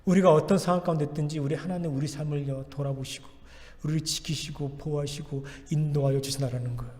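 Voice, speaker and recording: A male pastor delivers a sermon in a church, pressing his points through repeated, emphatic exhortations. His voice sits somewhat high for a man. The sound carries a long reverb from the church hall. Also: steady tone, quick pace, darkish tone. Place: church sanctuary.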